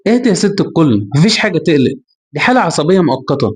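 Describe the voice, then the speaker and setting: A composed middle-aged Egyptian doctor soothes a worried family in a quick, even voice, as the narrator plays him. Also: male voice, on the high side. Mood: reassuring.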